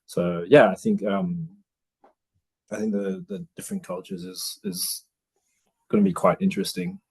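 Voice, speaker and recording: A man's voice: fairly low pitch, very animated, normal speed, creaky, darkish tone, slightly rough. A man in his forties from Australia, talking through his thoughts in a casual interview, hesitant, with many restarts and fillers. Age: 40s. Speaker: interview guest, new father.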